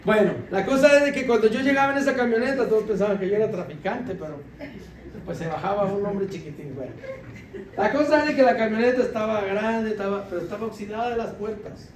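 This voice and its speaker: A man, a deacon giving a sermon testimony, telling an animated story with laughter and dropping his voice low when he quotes others. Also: fast, a crowd in the background. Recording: echoey room from far off with faint ambience.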